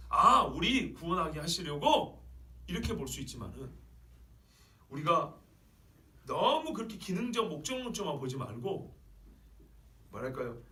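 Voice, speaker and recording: A man's voice: sits high, bright, forceful tone. A man preaching a sermon as pastor, emphatic and often putting questions to his congregation. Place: church sanctuary. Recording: roomy church sound from a distant mic.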